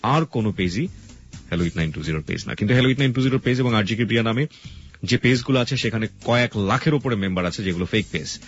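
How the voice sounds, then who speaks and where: Radio host: Bangladeshi man, lower-pitched, talks straight to listeners and explains, muffled lo-fi broadcast. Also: lively intonation, fast, breathy edge, faint music behind. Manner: explanatory, addresses listeners directly. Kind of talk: live radio hosting, talking to listeners. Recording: dull lo-fi radio broadcast sound.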